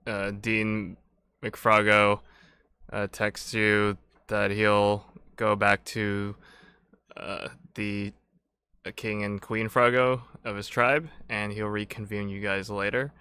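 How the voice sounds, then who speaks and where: A man's voice: fairly low pitch, level tone, slow, bright, forceful tone, smooth, dry recording. A man running a tabletop game as game master, recapping and narrating in a loose, meandering way.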